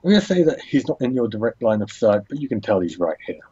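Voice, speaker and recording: Man, game master, low husky voice, relaxed, dry lo-fi recording. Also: fast, dry recording. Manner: relaxed, thinking aloud with fillers. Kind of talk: narrating a tabletop game. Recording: dull lo-fi recording.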